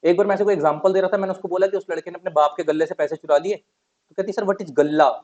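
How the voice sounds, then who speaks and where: A man's voice: sits high, steady tone, rapid-fire, darkish tone, dull audio. A man teaching law in a classroom lecture, mixing with English terms and asking questions that he answers himself. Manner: chatty, asks students questions and answers them himself; mixes Hindi with English terms.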